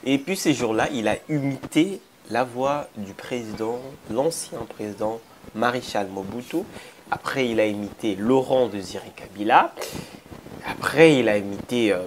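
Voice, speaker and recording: A male presenter with a Congolese accent talks at an ordinary middle pitch. He builds his commentary in halting phrases, repeating them for emphasis, with slight noise behind him. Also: a little mellow. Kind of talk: spoken commentary introducing a clip. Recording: faint background noise.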